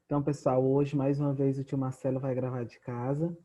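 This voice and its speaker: A man's voice: medium pitch, little pitch movement, brisk, dark tone. A man with a Brazilian Portuguese accent and a sore throat, coughing often as he patiently teaches a geography lesson he records at home for his students. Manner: patient, explanatory, addresses students directly. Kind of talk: recorded remote class lesson.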